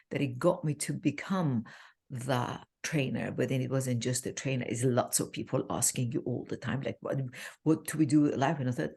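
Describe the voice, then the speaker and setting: Woman from iran, really deep and gravelly, lots of ums, chatting on a video call. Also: darkish tone. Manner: halting, many fillers, laughs easily. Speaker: guest relationship coach. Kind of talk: casual interview chat.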